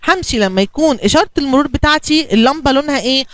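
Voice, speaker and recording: High lively Egyptian kindergarten teacher. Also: female voice, rapid-fire, no echo. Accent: Egyptian Arabic. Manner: coaxing, asks and answers her own questions. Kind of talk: bilingual classroom lesson for young children.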